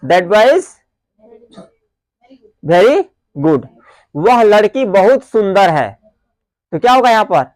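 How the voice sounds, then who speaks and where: A male grammar teacher with a high, sing-song, darkish voice is recorded in studio quality without room sound. His classroom lesson mixes Hindi and English; he keeps asking and answering his own questions and dictates definitions word by word, slowly.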